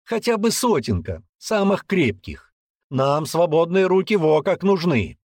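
Man voicing a sneering older guy, mocking, lively pitch, dry close sound. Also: unhurried, no echo, heavily acted. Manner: sneering mockery. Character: sardonic older male comrade, mocking.

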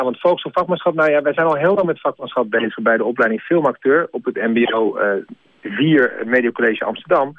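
A man's voice: medium pitch, no echo. A man leaving a hesitant voicemail message, full of filler sounds, complaining as the founder of a film acting course. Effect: leaving a voicemail over the phone. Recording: dry tinny phone line.

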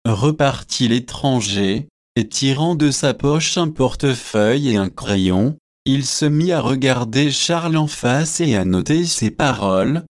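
A man reading a classic novel aloud as an audiobook narrator, with a measured, even delivery. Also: medium pitch, no room sound, clean studio sound.

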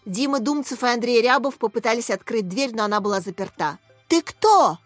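A woman reading a children's story aloud as the narrator, in clear, even storytelling. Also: a little high, fast talker, no echo. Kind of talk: audiobook narration. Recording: dry close voice with soft music.

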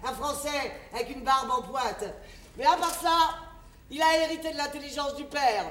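A woman's voice: high-pitched, moderate pace, a bit bright. A blunt, tough travelling trader mother, echoey. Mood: wry, brazen. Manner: blunt, wry, scolding. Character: tough, shrewd mother, travelling war trader, fiercely protective. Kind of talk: theatrical stage acting. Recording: echoey theatre, distant mic, faint noise.

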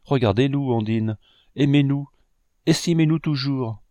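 A man's voice: medium pitch, unhurried, dark tone, clear, resonant tone, no room sound, pitched above the performer's own voice, natural voice. A man reading aloud, voicing a group of young male painters pleading for forgiveness. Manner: pleading, fervent. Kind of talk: audiobook reading.

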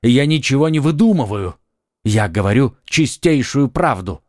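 A man's voice: medium pitch, animated, normal speed, no room sound, studio quality, pitched above the performer's own voice, close to an everyday voice. Brief: narrator as a passionate young nobleman; insistent, earnest; audiobook. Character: ardent young male nobleman and swordsman. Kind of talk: audiobook acting.

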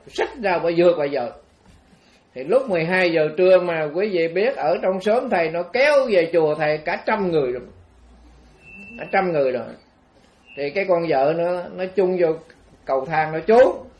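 A man, a Buddhist monk telling a story in a folksy, rambling sermon full of fillers and restarts. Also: fairly high pitch. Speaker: Buddhist monk giving a dharma talk. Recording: dull lo-fi recording.

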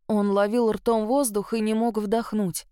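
A woman narrating a first-person novel in an expressive reading voice. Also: mid-range voice, measured pace, clean tone, dry recording, studio quality. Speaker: audiobook narrator.

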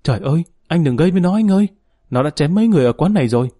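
A man's voice: on the high side, animated, rapid-fire, mellow, dry recording, studio quality, voice pushed up. A man doing a frightened pleading bar girl. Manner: urgent, pleading. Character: pleading young bar hostess woman.

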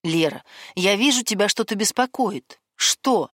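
A woman's voice: mid-range voice, animated, measured pace, a bit bright, dry recording, clean studio sound. A woman reading a guarded, evasive man. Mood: coaxing. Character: guarded man, a programmer hiding a secret.

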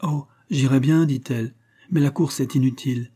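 A man's voice: medium pitch, fairly even intonation, normal speed, mellow, husky, voice pushed up, close to an everyday voice. A man reading an audiobook voices a naive, playful young girl in a raised, girlish voice. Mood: gentle.

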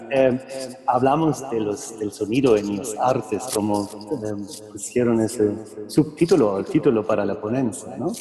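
A man from Germany, a native German speaker with a German accent, giving an informal lecture as a guest speaker, halting as he searches for words. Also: medium pitch. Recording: echoey hall with crowd sound.

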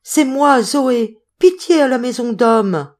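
A woman's voice: sits high, animated, takes it slowly, a little mellow, pitched above the performer's own voice. A woman reading an audiobook, voicing a desperate girl's plea with a wailing manner. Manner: wailing, pleading.

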